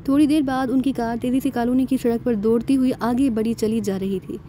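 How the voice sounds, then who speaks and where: Mellow-voiced woman narrating a novel. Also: a little high, steady tone, brisk, a little hiss or hum. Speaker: audiobook narrator.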